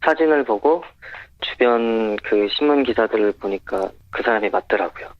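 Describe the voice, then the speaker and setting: Man with a deep, disguised voice. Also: lively intonation, moderate pace, no echo. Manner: brief, matter-of-fact answers. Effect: voice disguised by a pitch-lowering voice changer. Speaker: anonymous witness on a phone link. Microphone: phone call. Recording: dull, muffled phone-line sound.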